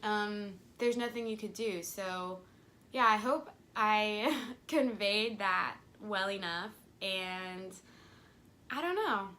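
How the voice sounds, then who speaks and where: This young woman is a faith vlogger giving a casual devotional talk to camera, earnest yet chatty, voicing little quotes as she speaks. She takes it slowly, her medium-pitched voice sounding pushed and bright.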